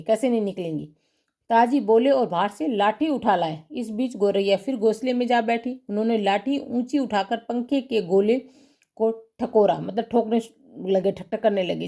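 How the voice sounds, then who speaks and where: A woman's voice: medium pitch, creaky, warm tone. A woman teacher reading a textbook story aloud and then explaining each passage in simple words.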